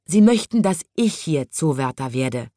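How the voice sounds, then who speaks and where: A woman reading a shy gentle little zookeeper. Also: deep voice, unhurried, dry recording, clean studio sound. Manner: calm, modest, soft-spoken. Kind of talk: storybook reading.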